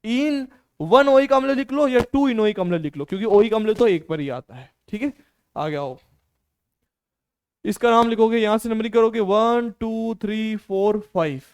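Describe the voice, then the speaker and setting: A man's voice: high-pitched, moderate pace, clear, resonant tone. A male chemistry teacher lecturing in a casual, encouraging classroom style. He keeps asking students questions and answering them himself, often calling them "beta".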